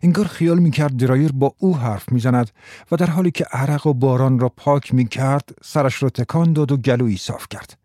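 Man narrating in a dark, mellow voice. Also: mid-range voice, dry recording, clean studio sound. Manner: measured, even storytelling. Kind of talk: scripted narration.

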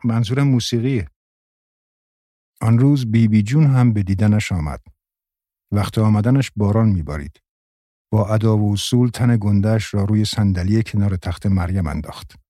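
A man narrates a novel in a measured, solemn reading. His voice is low and husky, with a mellow, dark tone. The close recording has no room sound. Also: no echo. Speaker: audiobook narrator.

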